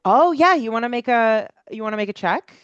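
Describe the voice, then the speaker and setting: A woman's voice: a little high, fairly even intonation, fast talker, a bit bright, clean tone, no room sound, highs cut off. A woman game master improvising tabletop narration, piecing descriptions together hesitantly as she goes.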